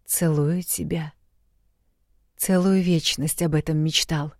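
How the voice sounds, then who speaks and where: A tender, lovestruck young prince who murmurs softly, as a woman narrator puts him on. The voice sits low, with dark, mellow tones, and it is recorded close and dry. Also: moderate pace, no echo, lightly acted.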